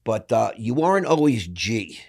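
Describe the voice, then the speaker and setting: An older man hosting an interview, chummy and quick to cut in with his own remarks. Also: medium pitch, very animated, darkish tone. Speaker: podcast host. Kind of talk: casual interview talk.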